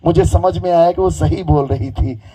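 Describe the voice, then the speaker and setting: Hoarse high-voiced male preacher. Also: normal speed, poor audio. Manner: animated storytelling, coaxing the crowd. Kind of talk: sermon with call-and-response.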